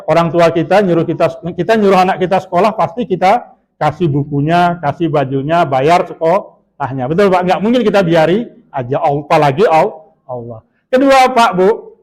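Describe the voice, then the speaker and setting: A man's voice: fairly high pitch, poor audio. A middle-aged man preaching a dawn sermon in a mosque, chatty and often asking the audience for agreement.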